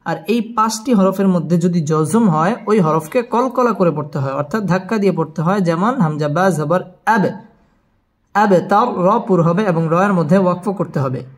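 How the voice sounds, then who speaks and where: A man teaching Quran recitation. He patiently spells out letters and syllables, then chants the verses in long drawn-out melodic lines. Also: high-pitched.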